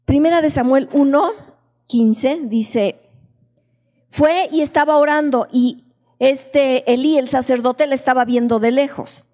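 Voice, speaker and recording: A woman delivers a sermon in a high, mellow voice, speaking slowly and often asking her listeners questions. Her voice rings with the long echo of a large hall. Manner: slow, questioning the congregation. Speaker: preacher.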